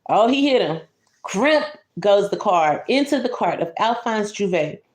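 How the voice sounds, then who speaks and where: A woman reads a picture book aloud to a child at a measured pace, her medium-pitched voice animated and the sound roomy. Along the way she slips into casual asides, describing the pictures and talking to her young listener.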